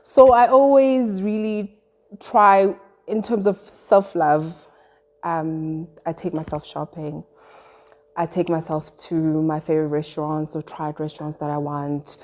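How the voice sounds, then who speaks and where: A woman's voice: low voice, a little slow, mellow. A South African woman in a casual group chat, talking in an earnest, reflective way. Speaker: guest.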